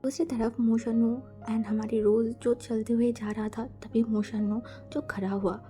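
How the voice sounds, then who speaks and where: A woman casually narrating a fan fiction story, chatty and lively, slipping English words into her talk. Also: a little high, measured pace, faint music behind. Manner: chatty, mixes English words into Hindi, lively voices for characters.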